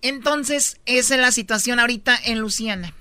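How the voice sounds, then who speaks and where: A woman's voice: on the high side, normal speed, background noise. A woman co-hosting a radio show, chatting her way through a news item. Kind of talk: radio talk segment.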